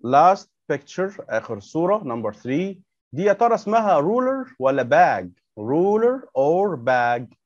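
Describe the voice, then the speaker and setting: A man's voice: fairly high pitch, big pitch swings, normal speed, no room sound, highs cut off. A man with an Egyptian Arabic accent teaching English words to young children, patiently repeating words and asking questions. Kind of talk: workbook lesson explained step by step.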